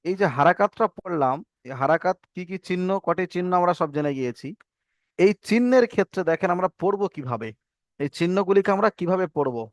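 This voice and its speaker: A man's voice: fairly high pitch, no echo. A man with a Bengali accent teaching an online class over a video call, patient, repeating drills and asking the class to answer together. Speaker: Quran reading teacher. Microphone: video call microphone.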